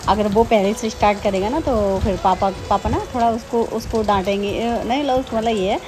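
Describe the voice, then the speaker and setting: A woman's voice: medium pitch, fairly even intonation, moderate pace. A woman in her thirties, a homemaker, chatting casually in a daily home vlog, rambling with many fillers and restarts. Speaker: vlogger, homemaker. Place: home during heavy rain. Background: faint rain and ambience.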